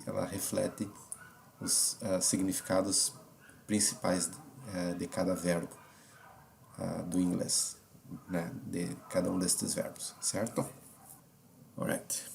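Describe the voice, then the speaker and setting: A man teaching English verbs in a video lesson, speaking slowly and deliberately and checking in often with short filler questions. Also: deep voice, creaky, slight background noise. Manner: slow and deliberate, many filler checks like "tá?" and "certo?". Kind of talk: video lesson, reading verb conjugations.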